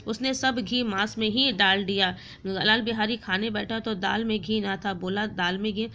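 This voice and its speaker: Bright-voiced woman teacher explaining a story. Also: mid-range voice, fairly even intonation, normal speed, highs cut off, slight background noise. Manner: stops often to explain words, many fillers and self-corrections. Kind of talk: retelling and explaining a story for a class.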